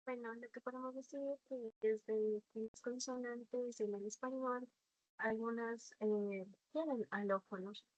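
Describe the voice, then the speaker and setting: Slow, hesitant woman presenter. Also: a little high, fairly even intonation, a little mellow, dry recording, dull audio. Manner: hesitant, uses fillers. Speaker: student presenter. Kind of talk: class presentation.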